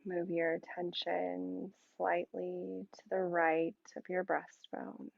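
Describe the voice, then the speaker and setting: A yoga instructor guides a meditation in calm, soothing short phrases separated by long pauses. Her voice is fairly low and creaky, and the recording is muffled but has no echo.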